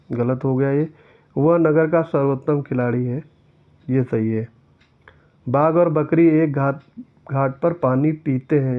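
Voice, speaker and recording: A man teaching an exam-prep lesson who reads each question aloud and then corrects it step by step. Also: a little high. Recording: tinny phone-like sound.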